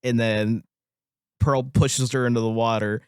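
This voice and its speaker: A man's voice: mid-range voice, steady tone, measured pace, clear, resonant tone, no room sound, clean studio sound. A man co-hosting a podcast, chatting casually about a film, laughing often and acting out lines. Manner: laughs often, acts out lines in put-on voices. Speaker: podcast co-host.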